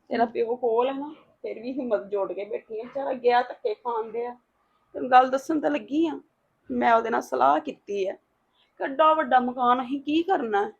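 A woman's voice: on the high side, vocal fry, breathy edge. Worried motherly woman, lo-fi sound. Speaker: mother in a family drama. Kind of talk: emotional Punjabi family drama. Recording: dull lo-fi sound.

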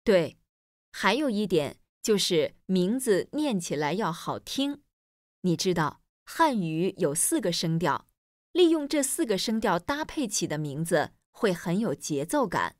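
Female teacher for a textbook listening dialogue: lowish, animated voice, clear explanations, dry studio sound. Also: measured pace, no room sound. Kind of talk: scripted listening-exercise dialogue.

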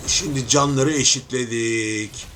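A man giving live gameplay commentary, talking to viewers as friends and taunting opponents with playful shouts. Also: medium pitch, fairly even intonation, measured pace, slight background noise.

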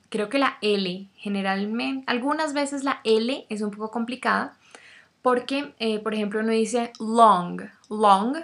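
A woman and native Spanish speaker teaching English pronunciation, speaking slowly and demonstrating each sound over and over. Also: on the high side. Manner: slow, demonstrative, repeats sounds. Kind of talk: pronunciation lesson.

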